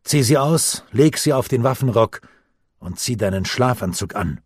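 Male reader doing a stern uncle, firm and lecturing, husky, dry audiobook sound. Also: medium pitch, expressive, normal speed, dry recording. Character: stern middle-aged uncle lecturing his nephew.

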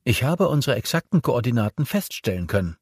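Ein Mann spricht in einem Hörbuch eine muntere Navigationsoffizierin mit lockerem, leicht angehobenem Ton. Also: male voice, medium pitch, big pitch swings, brisk, breathy edge, dry recording, clean studio sound, pitched above the performer's own voice. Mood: munter. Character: friendly female navigation officer on a screen.

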